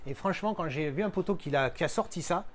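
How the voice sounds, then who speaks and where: A man's voice: fairly high pitch, quick pace. A man showing off his collector purchases in a casual unboxing chat, slangy and thinking aloud as he goes.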